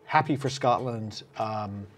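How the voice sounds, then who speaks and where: A man's voice: fairly low pitch, takes it slowly, a bit bright. A man hosting a casual sports podcast, recapping a rugby match in a conversational way with many fillers. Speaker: podcast host.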